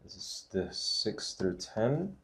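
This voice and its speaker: Slow-talking man unboxing discs. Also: on the low side, very noisy. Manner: relaxed, reads titles off slowly with small asides. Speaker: channel host unboxing a disc set. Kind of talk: casual unboxing vlog.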